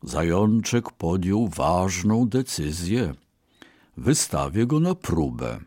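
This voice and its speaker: A mighty king of the gods speaks in a low, solemn, dignified voice. A man voices him in a storybook reading. His words come slowly and close to the mic. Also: sing-song, a little mellow, dry recording, exaggerated voice. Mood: knowing.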